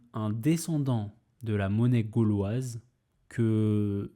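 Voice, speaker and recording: A man's voice: on the low side, warm tone. A young man hosting a podcast, telling a personal story casually, rambling with fillers, restarts and mild swearing. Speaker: podcast host.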